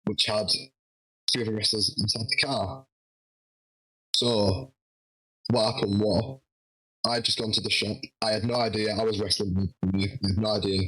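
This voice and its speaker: A young man, a wrestler guest, telling a lively anecdote with frequent restarts. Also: on the low side, moderate pace, pauses often, rough recording. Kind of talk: casual storytelling.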